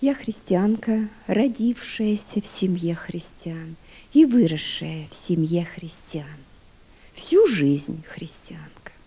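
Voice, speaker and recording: A woman in her fifties preaching a sermon to a congregation, swinging from loud emphasis to hushed, near-whispered phrases and asking the listeners questions. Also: fairly low pitch, expressive, slow, slightly rough. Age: 50s. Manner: asks the congregation rhetorical questions.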